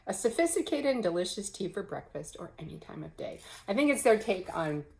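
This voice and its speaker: A woman's voice: medium pitch, very animated, a little fast, creaky, dark tone, poor audio. A woman chatting casually to camera at home in a crafting vlog, rambling with many fillers and self-corrections. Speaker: cross-stitch vlogger. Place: home, early morning.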